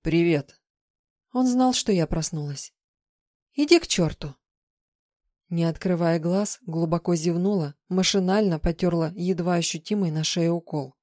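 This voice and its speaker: A woman reading a first-person novel aloud as an audiobook narrator, in an even, emotive way. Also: fairly low pitch, normal speed, few pauses, dry recording, clean studio sound.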